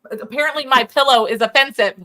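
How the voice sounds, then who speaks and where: A middle-aged woman, co-hosting a show and telling stories in a chatty, animated way. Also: sits high, fast talker. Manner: chatty, laughs often, animated retelling. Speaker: show co-host. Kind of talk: casual storytelling chat.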